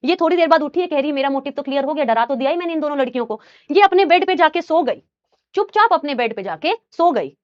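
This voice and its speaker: Young teacher lady telling a story to her students, lively, kinda high pitched, dry, slightly muffled. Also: fast talker, no echo. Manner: animated, addresses listeners as students. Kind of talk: casual storytelling.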